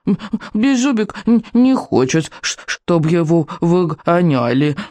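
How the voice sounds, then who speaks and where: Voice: medium pitch, big pitch swings, mellow, dry recording. A reader voicing a small, timid young male dragon who stammers and halts over his words. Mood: whimpering. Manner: stammering, halting, slow.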